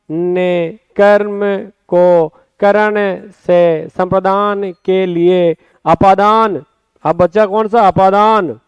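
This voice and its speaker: A man teaching a spoken exam-prep Hindi lesson, lively, stretching words out and calling his students friends, with a Rajasthani Hindi accent. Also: sits high, clear, resonant tone, dry recording, highs cut off. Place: classroom or studio.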